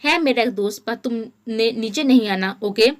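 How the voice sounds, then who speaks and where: A brooding, possessive young husband who speaks with stern firmness, read by a woman narrator in a fairly high voice. Storybook audiobook delivery, unhurried and plain. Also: lightly acted. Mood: firm.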